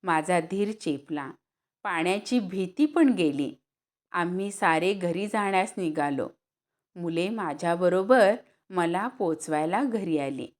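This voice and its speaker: Slow, unhurried woman reading a story. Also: lively intonation, a little mellow. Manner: unhurried, acts out dialogue with raised pitch. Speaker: narrator.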